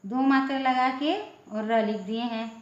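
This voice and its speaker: A woman teaching a language lesson, slowly explaining letters, asking questions and answering them herself, often repeating words. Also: fairly high pitch, fairly even intonation. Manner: slow, repetitive, asks questions then answers them. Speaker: Hindi teacher. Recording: echoey room, dull lo-fi sound.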